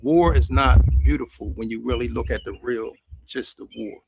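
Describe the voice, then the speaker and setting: A man's voice: medium pitch, moderate pace, creaky, background noise. An American man hosting a casual, rambling live stream from his backyard grill, folksy and repeating his phrases for emphasis. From United States. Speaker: host of a cooking and chat stream. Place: outdoors in a quiet backyard.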